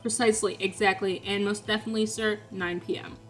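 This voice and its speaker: A woman voices a fussy, prim bellboy giving testimony in a game. He is stiffly formal and tacks "sir" onto his answers, at a middling pitch, with faint music playing behind. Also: steady tone, quick pace, natural voice. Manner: formal, ends lines with a clipped "sir". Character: prim, fussy male hotel bellboy witness.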